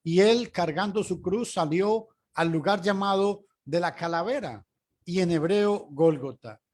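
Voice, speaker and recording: A man with a high voice reads scripture aloud at an unhurried, deliberate pace. He teaches the Bible and raises his tone whenever he reaches a quoted line. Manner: measured reading, lifts his voice for quoted speech.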